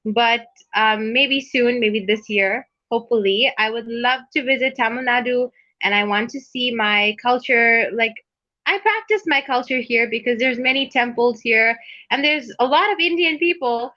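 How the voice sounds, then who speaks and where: South African woman tutor, higher bright voice, chatty, muffled call audio. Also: normal speed. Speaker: English tutor. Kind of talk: casual conversation practice.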